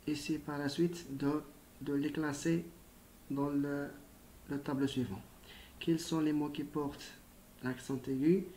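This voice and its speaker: A man teaching a spelling lesson to primary school pupils, speaking slowly and patiently and addressing them directly. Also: a little high, mellow, slight background noise.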